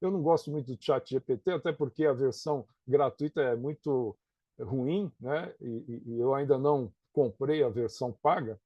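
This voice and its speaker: A middle-aged professor with a Brazilian Portuguese accent explains things conversationally in an interview, often tagging his points with "né?" and "tá?". His mid-range voice moves at normal speed, with no echo and the highs cut off.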